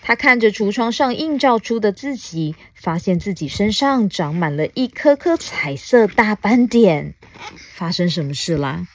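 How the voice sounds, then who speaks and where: A mother reading a picture book aloud to her child for a podcast, coaxing and asking gentle questions along the way. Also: mid-range voice, animated, unhurried. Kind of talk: storybook read-aloud podcast.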